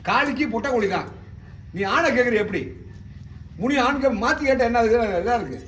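A man's voice: very high voice, lively intonation, fairly quick, a bit bright. A man with a Tamil Nadu accent leading an exorcism ritual, questioning the spirit sharply and giving commands, recorded from a distance in an echoey room with faint background noise. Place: temple shrine.

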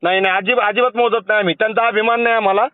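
A man's voice: high-pitched, steady tone, racing, clear, resonant tone, dry recording. A young man, a kirtan preacher from Maharashtra, arguing insistently with a caller, heard over a phone line. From Maharashtra, India. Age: young adult. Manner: insistent, argumentative, repeats himself. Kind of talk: heated phone argument. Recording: tinny dry phone call recording.

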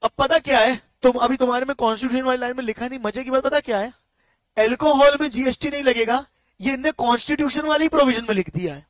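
Man, teacher, high-pitched, dry close sound, exam-prep lecture, quick check questions. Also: dry recording. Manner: keeps quizzing students with quick check questions; mixes Hindi with slow English read-outs from the text.

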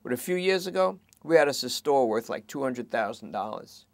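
A man voicing a self-pitying junkie thief who pleads and rambles under police questioning, in a noticeably higher voice than his own narration. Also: animated, moderate pace, creaky, no echo. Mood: pleading. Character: whiny petty-thief junkie man in custody.

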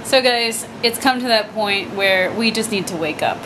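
A woman's voice: medium pitch, animated, normal speed. Chatty woman vlogging in a noisy room. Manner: chatty, talks straight to viewers. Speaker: vlog host. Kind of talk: casual chat to camera. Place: apartment. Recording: noisy home recording.

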